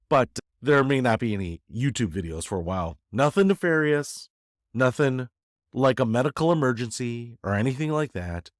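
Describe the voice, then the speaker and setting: Male YouTuber, low pitch, stuffed up with a cold, casual and self-deprecating, recorded close and dry. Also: dry recording. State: congested from a head cold. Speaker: YouTuber giving a channel update. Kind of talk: casual rambling chat to viewers.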